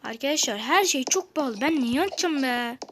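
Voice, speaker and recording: A woman hosting a gaming channel, giving excited let's-play commentary, talking straight to viewers and shouting at rival players. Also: sits high, brisk. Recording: noisy home recording.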